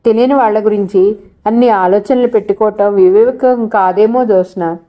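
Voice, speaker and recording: A teasing, coaxing young college girl from a storybook reading, as a woman reader puts her on. Her voice is mellow and dark. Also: medium pitch, moderate pace, natural voice.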